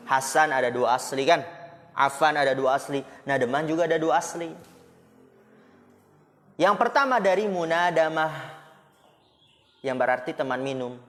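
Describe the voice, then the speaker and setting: A man's voice: a little high, fairly bright tone. A man teaching Arabic grammar to students in a casual way, with rhetorical questions and jokes. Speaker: Islamic school teacher. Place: Islamic boarding school classroom. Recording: long hall reverb.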